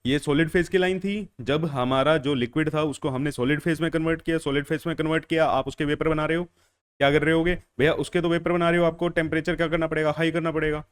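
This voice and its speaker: In a classroom chemistry lecture, a young adult man talks fast in a fairly high, steady, smooth voice. He answers his own questions, repeats key phrases, and addresses the students as "beta" and "bhaiya".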